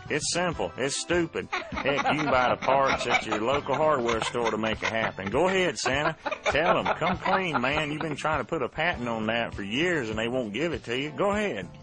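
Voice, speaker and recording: Man playing a heckling grumpy elf, folksy slang, comedy radio, clear music behind. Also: medium pitch, lively intonation, moderate pace, close to an everyday voice. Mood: mocking. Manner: heckling, colloquial. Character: grumbling, mocking male elf helper.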